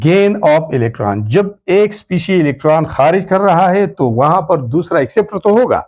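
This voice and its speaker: A male chemistry teacher with a Pakistani accent, speaking in a fairly high, very animated voice that rises and falls a lot. He poses questions to the class and answers them himself, and he slows to a careful, dictating pace for each definition. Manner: mixes English terms into speech, slows to dictate definitions. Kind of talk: classroom lecture explaining a board.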